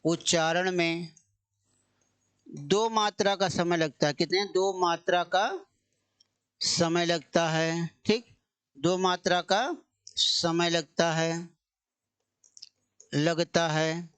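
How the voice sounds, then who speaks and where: Male coaching teacher, high clear voice, drills points with self-answered questions and slow repetition. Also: steady tone, fairly bright tone. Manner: asks the class questions and answers them himself; repeats key phrases, drawing words out slowly. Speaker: Hindi teacher. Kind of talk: exam-coaching grammar lesson.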